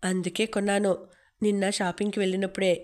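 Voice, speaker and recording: A woman's voice: mid-range voice, little pitch movement, fast, a little mellow, close to an everyday voice. A woman voicing a cheeky, joking young man in an audiobook.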